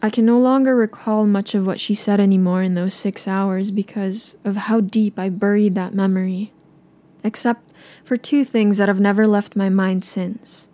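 Young woman, native Tagalog speaker, personal story narration, subdued, mellow tone, flat pitch. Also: normal speed.

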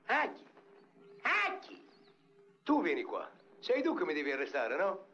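A man's voice: high-pitched, huge pitch swings, unhurried, bright, forceful tone, full character voice. An actor playing a wily, sickly male crook who complains of his liver, cheeky and mock-polite, in a dubbed film comedy. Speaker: fugitive. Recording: lo-fi old film soundtrack.

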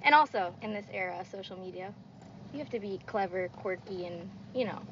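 A woman speaks in a dry, matter-of-fact way during a casual podcast chat. Her voice is at a middle pitch. The recording is dull, with a faint hiss. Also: fairly quick, fairly bright tone. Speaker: speech pathologist guest. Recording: dull lo-fi sound with faint noise.

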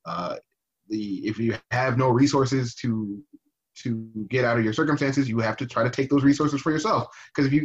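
A man's voice: mid-range voice, a bit bright, lo-fi sound. A man co-hosting a casual podcast, rambling through political chat with frequent fillers, restarts and profanity. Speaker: podcast co-host.

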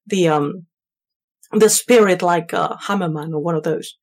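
A woman's voice: lowish voice, unhurried. A woman co-hosting a podcast in casual chat, wry and explanatory. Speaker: podcast co-host.

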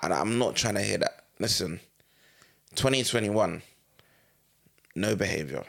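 A man's voice: lowish voice, expressive, unhurried, vocal fry, fairly bright tone. A young man with a London roadman accent, chatting casually in heavy street slang and repeating himself for emphasis.

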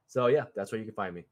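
A man chatting as a podcast guest, rambling and stumbling over his words. He slips in little laughing asides as he talks. His voice sits on the lower side. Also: darkish tone. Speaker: podcast guest, fantasy football writer. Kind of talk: casual podcast chat.

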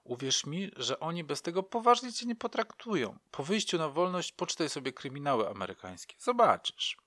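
Man playing a scheming agent, coaxing and persuasive, bright crisp tone, dry close sound. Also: on the high side, big pitch swings, fairly quick, no echo, pitched above the performer's own voice. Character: scheming male secret police agent.

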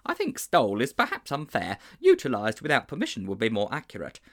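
A man with a brisk, mid-range voice plays an earnest, anxious older schoolteacher. The character speaks formally and a little fussily, in an animated way.

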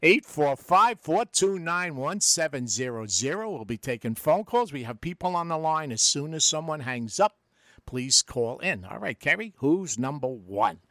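Male radio host, bright, chatty, a little high. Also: big pitch swings, moderate pace, no echo. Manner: chatty, takes phone calls. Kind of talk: casual radio chat.

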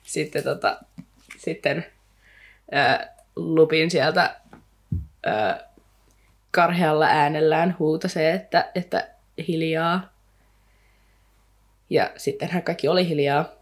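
A woman's voice: low-pitched, long pauses. A woman speaking, a podcast co-host casually retelling a story with many fillers and sometimes reading aloud from the book. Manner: rambling retelling with frequent fillers. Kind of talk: casual book discussion with read-aloud passages.

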